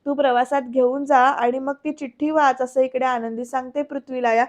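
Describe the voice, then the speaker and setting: A woman's voice: high voice, normal speed. A woman with a Marathi accent narrating a voice-over recap of a TV serial, telling the story and speaking straight to her viewers. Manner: lively storytelling, addresses viewers directly. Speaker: serial episode reviewer.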